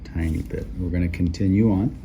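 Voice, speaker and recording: Low-voiced chiropractor explaining calmly. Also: male voice, a little fast, slight background noise. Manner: calm, instructive, names body parts step by step. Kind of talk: explaining to a patient during treatment. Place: small clinic treatment room. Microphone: camera in the room.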